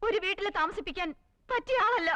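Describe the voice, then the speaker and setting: A woman's voice: very high voice, brisk, pushed and bright, no echo. An actress playing an anxious wife who pleads to go see her injured brother, in a film drama. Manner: pleading, tearful.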